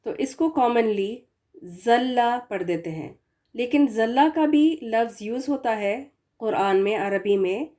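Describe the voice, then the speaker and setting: A woman teaching a recitation lesson, explaining patiently and stretching out the example words slowly. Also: fairly high pitch, expressive, mellow. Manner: patient explaining, slow drawn-out demo words. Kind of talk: tajweed lesson.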